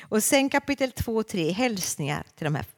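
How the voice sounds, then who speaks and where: A woman's voice: mid-range voice, sing-song. A woman preaching a sermon to a congregation in a church, speaking expressively with frequent hesitations.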